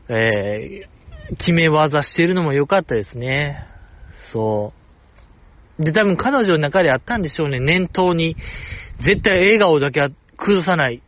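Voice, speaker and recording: A man's voice: on the high side, highs cut off. A man hosting a casual solo podcast, rambling with enthusiasm as he comments like a fan. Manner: enthusiastic rambling fan commentary, soft self-deprecating jokes. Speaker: podcast host.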